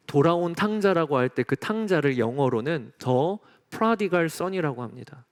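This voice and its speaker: A man with a notably high voice delivers a church sermon. His preaching is earnest and heartfelt, and he keeps speaking straight to the people in front of him. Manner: earnest, pleading preaching with repeated direct address. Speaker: pastor. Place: church sanctuary.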